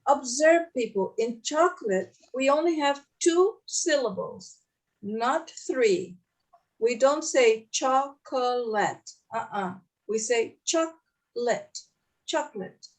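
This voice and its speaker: A woman teacher leads an English class and drills vocabulary, speaking slowly and clearly. Her voice sits a little high. It sounds slightly distant from the mic. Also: lively intonation. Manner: slow, clear drilling and correcting. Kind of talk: online English lesson.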